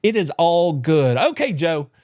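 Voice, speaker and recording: A man hosts a live sports podcast. His talk is folksy and full of teasing banter. His voice sits a bit high and swings widely in pitch. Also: very animated, measured pace, a little mellow. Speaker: podcast host. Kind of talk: casual live-stream sports chat.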